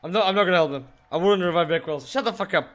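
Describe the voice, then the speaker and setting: A man streaming an online shooter game, excitedly talking to teammates and cursing at his mistakes. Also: high-pitched, very fast. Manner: excitable, swearing, shouting at teammates. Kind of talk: live gaming commentary.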